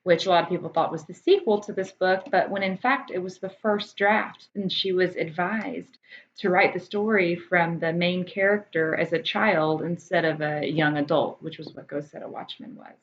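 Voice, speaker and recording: An American woman with a lowish voice speaks at a moderate pace, chatting informally to camera like a teacher presenting books. She hesitates and thinks aloud as she explains, over dull, muffled audio with room noise behind her.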